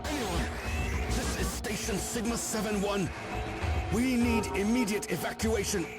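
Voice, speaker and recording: A man's voice: sits high, unhurried, over loud music. An actor playing a panicked male lab researcher, heard as a radio distress transmission, urgently repeating his call for evacuation.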